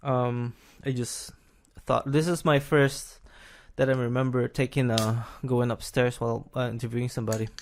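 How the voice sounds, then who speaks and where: A man's voice: mid-range voice, level tone, normal speed, hardly any pauses. A man hosting a casual podcast chat, talking hesitantly with frequent fillers and restarts and chuckling as he talks. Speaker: podcast host.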